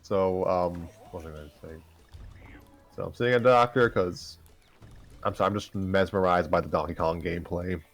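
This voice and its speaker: A man with a low voice speaks at normal speed as co-host of a livestreamed story-reading show, chatting casually in a dry, joking manner as part of a group. Soft music plays in the background.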